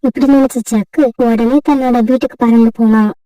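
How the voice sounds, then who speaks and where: A woman tells a children's cartoon story in a steady, high, mellow voice. The sound is dry and set back from the mic. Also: a little fast, dry recording, recorded from a distance, dull audio. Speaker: narrator. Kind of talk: storybook narration.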